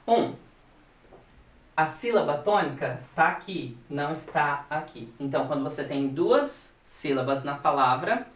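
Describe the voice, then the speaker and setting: Playful teacher, echoey room. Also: male voice, fairly high pitch. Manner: playful, animated, spells out letters. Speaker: English teacher. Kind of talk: casual video lesson. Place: home. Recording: echoey room, distant mic.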